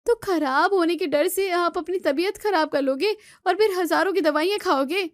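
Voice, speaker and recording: Scolding daughter-in-law, voiced by the narrator, high and exasperated, dry close storybook audio. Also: female voice, moderate pace, no echo. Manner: scolding, pleading.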